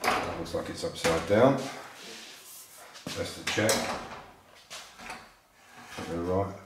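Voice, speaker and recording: A man's voice: sits low, takes it slowly, heavy background noise. A man in his sixties explaining metal fabrication steps while working on a classic car, thinking aloud with plain fillers. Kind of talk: workshop how-to narration. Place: large indoor car workshop. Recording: echoey workshop room.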